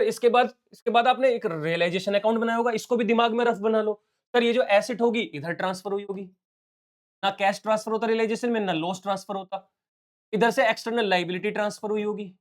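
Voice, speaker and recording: A man's voice: high voice, brisk. A male commerce teacher explaining exam questions step by step, working sums aloud and mixing English terms into his talk. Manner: explains step by step, calls viewers "beta" and "bachche". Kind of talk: solving exam questions on a live stream.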